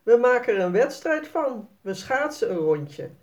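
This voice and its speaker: A cheerful young mother from a storybook urges her child on in a bright, lilting voice, as a woman reader puts her on. Her sentences rise and dip with warmth and energy. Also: fairly high pitch, sing-song, a little slow, voice pushed up. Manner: bright, encouraging.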